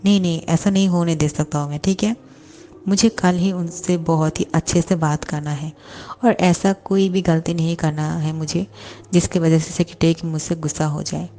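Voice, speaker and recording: A hot-tempered young boss pining for his secretary, firing off indignant questions, voiced by a woman reading a storybook. The tone sits fairly low and warm, with soft, mellow edges. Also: fairly even intonation, normal speed. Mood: worried.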